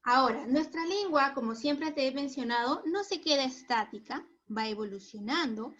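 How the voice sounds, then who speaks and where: A woman's voice: high voice, moderate pace, fairly bright tone. A woman teacher giving a chatty recorded lesson, asking herself questions and answering them. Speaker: school teacher. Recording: dull lo-fi recording.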